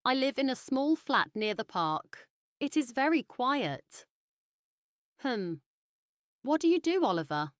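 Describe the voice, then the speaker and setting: A woman with a British accent playing a friendly young office worker in a slow, carefully spoken practice dialogue. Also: high voice, very animated, dry recording, clean studio sound.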